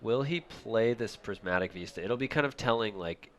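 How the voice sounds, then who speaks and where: A man doing casual, jokey commentary on a card game match, laughing often and talking in quick bursts. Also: on the low side, animated, a little hiss or hum.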